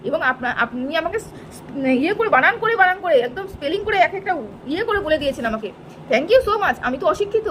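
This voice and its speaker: High-pitched, fast, sharp-toned sarcastic woman. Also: slight background noise. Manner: argumentative, sarcastic, repeats rhetorical questions. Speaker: YouTuber answering critics. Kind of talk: heated rebuttal monologue to camera.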